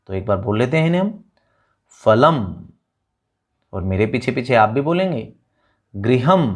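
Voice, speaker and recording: A man teaching a Sanskrit lesson, reading out words for students to repeat and explaining each one in Hindi and English. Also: medium pitch. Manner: slow, drawn-out word-by-word pronunciation with call-and-repeat drills. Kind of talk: online language lesson.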